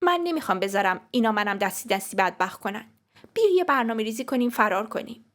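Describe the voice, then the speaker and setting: A woman voicing an anxious, protective young sister in a storybook, speaking urgently and pleadingly in a raised, higher voice. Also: very animated.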